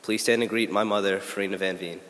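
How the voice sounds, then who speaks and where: A man's voice: low-pitched, steady tone, quick pace, a bit bright, a little hiss or hum. A young man reading a prepared introduction in a plain, formal way. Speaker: student introducer. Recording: long reverb of a large hall.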